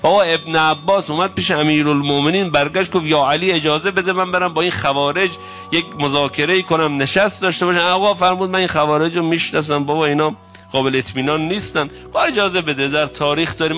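A male preacher delivering a sermon, telling stories and voicing the people in them, at times dropping into a hushed, grieving tone. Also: a little high. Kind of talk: religious sermon from the pulpit. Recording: dull lo-fi recording with faint music.

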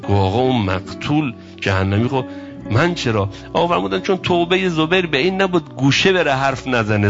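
A man's voice: fairly high pitch, a bit bright. A man preaching a passionate storytelling sermon. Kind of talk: religious sermon from the pulpit. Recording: dull lo-fi recording with faint music.

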